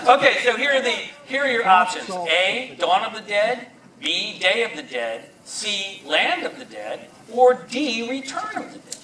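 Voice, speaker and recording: A man's voice: high voice, lively intonation, unhurried, few pauses, crowd noise. A man hosting a live horror movie trivia quiz with a joking, bantering manner. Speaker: quiz host. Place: large hall at a live event. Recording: echoey hall, distant mic, audience noise.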